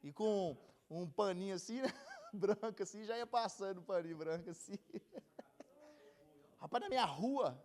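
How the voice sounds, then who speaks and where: A man's voice: high voice, expressive, a little slow, long pauses, darkish tone. A man with a Brazilian Portuguese accent teaching a casual Bible class, chatty and joking as he goes. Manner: chatty, jokes and laughs while teaching.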